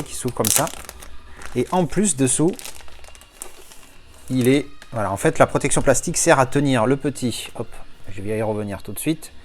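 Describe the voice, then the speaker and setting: Chatty man unboxing, quick excited outbursts. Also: mid-range voice. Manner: chatty, thinks aloud, bursts of excited exclamations. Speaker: collector reviewing an unboxing. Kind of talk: casual unboxing commentary to viewers.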